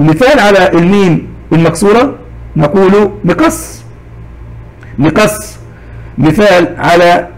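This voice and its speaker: A man teaching a recorded lesson to young children, slow and patient, saying each example word twice. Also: high-pitched, a little mellow, rough recording.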